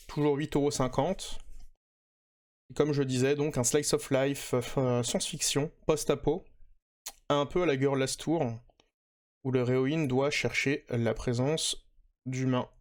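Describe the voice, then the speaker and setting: A man hosting a casual manga podcast, chatting with lots of hesitations and fillers. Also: medium pitch. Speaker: podcast host.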